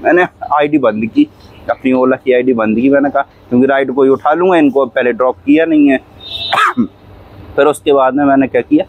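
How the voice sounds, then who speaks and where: A cab driver tells a long, rambling story in a casual interview, repeating phrases, acting out what people said, and coughing often. His voice is medium-pitched at normal speed. The sound is phone quality with no room sound.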